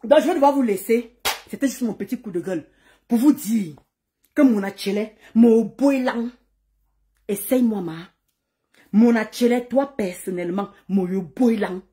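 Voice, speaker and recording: A woman with a high voice rants on a live stream. She taunts and insults, and keeps repeating words and phrases as she goes. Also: unhurried, dark tone. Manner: insulting, taunting, swings to laughing greetings. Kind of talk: heated live-stream rant.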